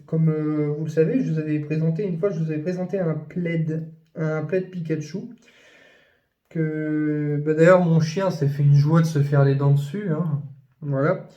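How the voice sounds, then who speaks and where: A man chatting casually about his new purchases, rambling with many fillers and restarts, and gushing when excited. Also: on the high side, normal speed, reverberant, muffled recording. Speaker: YouTuber showing his purchases. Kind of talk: casual unboxing chat.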